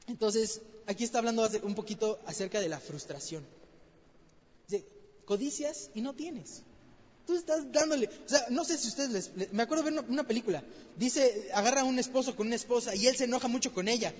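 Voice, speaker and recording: High-voiced man preaching in a reverberant hall. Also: fairly quick. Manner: conversational, rhetorical questions, repeats phrases. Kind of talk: sermon. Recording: long hall reverb, dull lo-fi sound.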